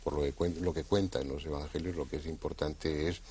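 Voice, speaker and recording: A man from Spain hosting a studio discussion, talking in a measured, thoughtful way with frequent hesitations. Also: a bass voice, steady tone, dark tone, slight background noise. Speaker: TV talk show host.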